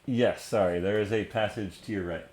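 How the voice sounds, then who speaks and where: A man narrating as dungeon master in a relaxed way, pausing on fillers. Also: lowish voice, a little hiss or hum. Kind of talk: narrating a tabletop game.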